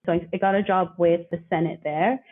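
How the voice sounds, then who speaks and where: Her voice sits on the low side with fairly even intonation and a brisk pace. The woman, a northeastern American career coach, is a guest on an interview podcast, chatty and reflective with light laughter, heard over a tinny remote line that sounds like a phone.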